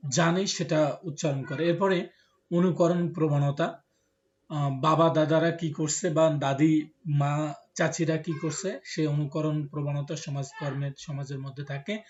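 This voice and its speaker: A male teacher, giving a classroom lecture and explaining slowly with many fillers. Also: on the high side, a little mellow. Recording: dull lo-fi recording.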